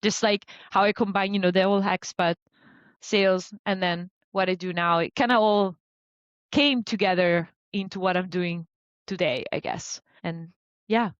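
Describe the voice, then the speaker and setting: A woman in her thirties from Italy, a business coach talking about her career in a relaxed, chatty way with many fillers. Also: fairly low pitch, moderate pace, dry recording, dull audio. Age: 30s. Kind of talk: conversational interview.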